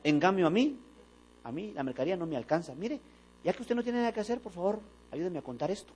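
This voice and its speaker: A man's voice: sits high, fast, a little hiss or hum, low-quality recording. A man preaching a sermon in a church, telling stories and acting out the dialogue. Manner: animated storytelling, acting out dialogue. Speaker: pastor. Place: church sanctuary.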